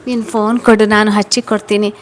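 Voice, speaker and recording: A woman's voice: medium pitch, flat delivery, fast talker, close to an everyday voice. Young husband, affectionate, teasing, coaxing, storybook voice, woman reading.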